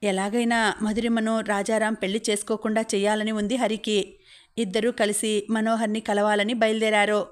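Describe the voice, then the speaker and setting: A woman narrating a novel as an audiobook, reading in a steady, even way. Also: medium pitch, normal speed, clean tone.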